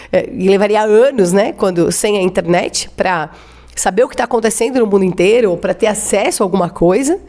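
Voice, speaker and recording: A woman with a Brazilian Portuguese accent preaching in a church. Her delivery is fervent, and she slows and stretches key words for emphasis as she addresses the congregation directly. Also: mid-range voice, mellow. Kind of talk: sermon.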